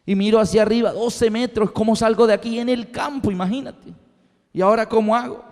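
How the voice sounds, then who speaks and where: A man preaching a sermon as an evangelist, telling stories in an animated way and acting out the voices of his characters. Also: high-pitched, fairly quick. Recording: long hall reverb.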